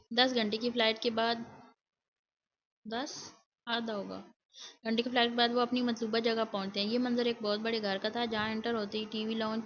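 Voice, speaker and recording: A woman reads a romance novel aloud in a steady narrator's voice. She pitches a little high and keeps her pitch flat. Faint hiss sits under a dull, lo-fi recording. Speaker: audiobook narrator.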